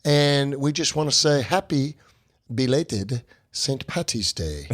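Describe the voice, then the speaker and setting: A man's voice: mid-range voice, sing-song, slow. A man in his forties co-hosting a fitness podcast as a coach, chatting casually in a rambling, upbeat way and laughing often mid-sentence.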